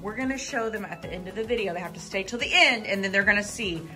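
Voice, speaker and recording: A woman in her thirties hosting a casual family vlog, talking in an upbeat, excitable way and coaxing her kids and the viewers along. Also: mid-range voice, quick pace. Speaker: parent and channel host. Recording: clear background music under the talk.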